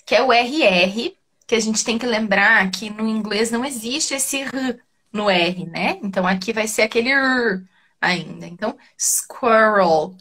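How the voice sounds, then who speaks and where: A woman's voice: mid-range voice, moderate pace, few pauses, fairly bright tone. A woman with a Brazilian accent co-teaching a live English class, patiently explaining pronunciation step by step. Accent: Brazilian Portuguese.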